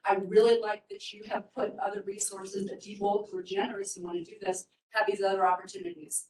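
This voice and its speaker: A woman giving an earnest, emotional public comment at a county meeting, speaking haltingly. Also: mid-range voice, level tone, a little mellow. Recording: roomy hall, far from the mic.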